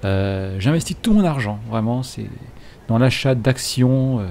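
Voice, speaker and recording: A man's voice: medium pitch, expressive, a little mellow, a little hiss or hum. A man playing a hesitant English investor. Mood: earnest. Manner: hesitant, halting with fillers. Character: English airship investor, grandiose adult man. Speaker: player. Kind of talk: tabletop role-play in character.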